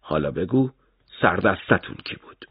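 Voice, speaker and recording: A cruel middle-aged interrogator, played by a male narrator threatens and taunts in a low, husky voice. The delivery swings between soft menace and sharp outbursts. The recording is dry and dull. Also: animated, no room sound, heavily acted. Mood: threatening.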